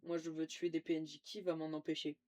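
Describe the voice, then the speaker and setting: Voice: medium pitch, little pitch movement, fairly quick, darkish tone. A streamer of unclear sex giving casual live game commentary as a raging gamer, griping and taunting with mock threats. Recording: clearly noisy background with clicks.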